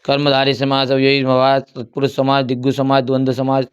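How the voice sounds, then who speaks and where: A young adult male teacher, walking through an exam paper and repeating key answers slowly as if dictating. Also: medium pitch, completely flat delivery, clear, resonant tone, dull audio.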